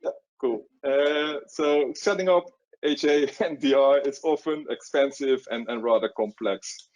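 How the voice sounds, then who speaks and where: A man's voice: mid-range voice, measured pace, a little mellow, rough recording. A middle-aged man with a Dutch accent talking on a webinar panel, often repeating words and chuckling at himself. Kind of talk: conversational webinar panel talk.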